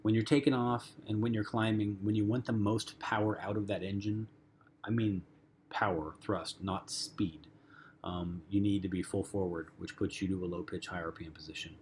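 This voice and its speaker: Guy explaining flying stuff like a relaxed instructor, kinda low voice, lots of ums, bit of hum behind. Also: moderate pace. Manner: casual, conversational, frequent ums and uhs. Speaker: flight instructor. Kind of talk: lecture-style flight lesson.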